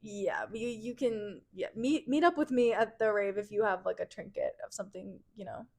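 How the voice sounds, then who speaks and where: A woman's voice: medium pitch, moderate pace, vocal fry, darkish tone. A woman co-hosting a podcast in casual chat, with a wry, playfully opinionated manner. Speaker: podcast co-host.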